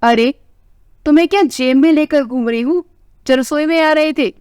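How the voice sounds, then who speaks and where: A woman voicing a sharp-tongued older wife who scolds her husband with a caring side, in a family story. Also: high voice, moderate pace, dry recording, clean studio sound, close to an everyday voice. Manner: scolding, tart.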